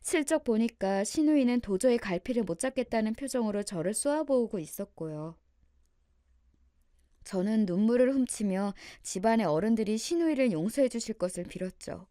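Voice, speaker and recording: A woman narrating a family drama story in the first person, steady and dramatic. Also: fairly high pitch, moderate pace, no room sound, clean studio sound.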